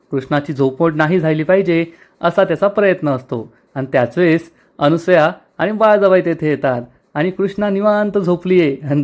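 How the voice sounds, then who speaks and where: Guy narrating a tv serial recap, lively, voice a bit high. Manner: lively storytelling. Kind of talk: retelling a TV episode.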